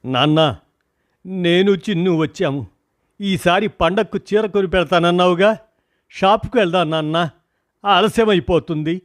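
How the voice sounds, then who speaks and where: A man voicing a grown daughter who loudly coaxes her unconscious father to wake up. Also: sits high, unhurried, pauses often, no room sound, pitched above the performer's own voice. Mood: coaxing, urgent. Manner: loud, coaxing, calls out.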